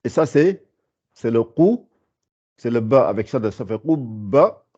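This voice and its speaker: A man's voice: mid-range voice, big pitch swings, unhurried, dark tone. A man teaching a beginners' Arabic class, patiently repeating sounds and words, with frequent fillers and restarts. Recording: dull lo-fi sound.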